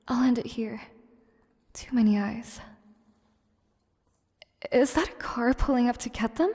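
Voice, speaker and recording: A woman plays a slow-spoken, obsessive yandere in a high, slightly mellow voice, addressing the listener in an intimate monologue for scripted audio roleplay. She is a possessive, scheming, menacing assistant character. Her delivery is theatrical and formally phrased, slow and deliberate, sinking at times into whispers.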